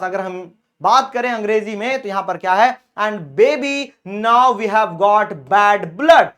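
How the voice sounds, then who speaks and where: Hindi-accented guy teaching grammar for exams, kinda high voice, slows way down reading english lines. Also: sharp tone. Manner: explains in Hindi, reads English examples slowly, addresses students as bhaiya. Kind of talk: exam-prep grammar lesson.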